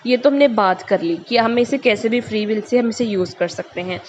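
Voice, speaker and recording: Talking to her tarot channel's viewers, a young woman keeps things casual and chatty at a moderate speed. Her voice is a touch high, she tosses in English fillers, and the sound is muffled and lo-fi over a faint hiss.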